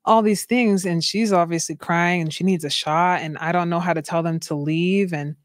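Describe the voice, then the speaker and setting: A woman's voice: lowish voice, fairly even intonation, normal speed, no echo, studio quality. A young woman, a doula and midwife, telling her own story earnestly as a guest, with many casual fillers. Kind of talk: candid personal storytelling.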